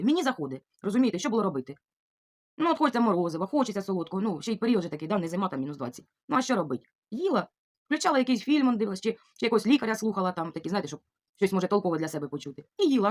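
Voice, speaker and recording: This middle-aged Ukrainian woman talks very fast in an expressive, mid-range voice while reading viewer comments aloud on her vlog. Chatty and warm, she keeps thanking each one again and again.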